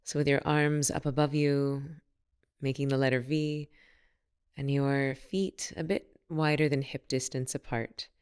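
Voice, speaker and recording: This meditation teacher is a woman with a very deep, clean voice and a flat delivery. She guides the session in an unhurried, soothing, gently instructive way.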